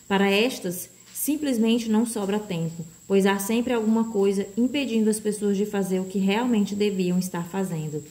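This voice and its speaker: A woman voicing a sly faceless man who coaxes in a soft, wheedling near-whisper, drawn out slowly. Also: sits high, natural voice. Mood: smug. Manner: slow, honeyed persuasion.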